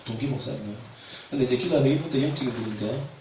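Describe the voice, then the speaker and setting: A man preaching a sermon as pastor, animated, shouting refrains and laughing as he tells stories. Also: medium pitch, racing. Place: church hall. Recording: echoey hall, far from mic, faint noise.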